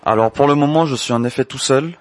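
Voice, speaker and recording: A man in his twenties from French Guiana, answering interview questions about his business in a measured, explanatory way. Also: mid-range voice, no echo. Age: 20s. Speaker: entrepreneur, candle maker.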